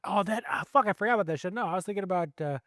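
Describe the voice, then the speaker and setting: A man's voice: sits high, very fast, a bit bright, dry recording, clean studio sound. A man co-hosting a casual chat, rambling and correcting himself as he goes, with casual swearing. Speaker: podcast co-host.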